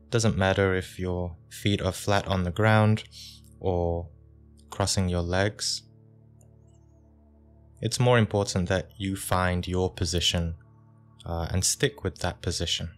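Calm and low, a man teaching meditation leads listeners through it in short phrases, pausing at length between them.

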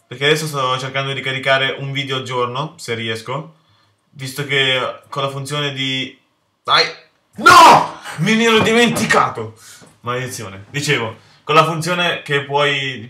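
A man's voice: medium pitch, pushed and bright. A teenage boy from Italy hosting a gaming video, commentating while he plays, easily enraged and swearing at the game. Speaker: gaming channel host. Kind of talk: let's play commentary. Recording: echoey room, mic off to the side.

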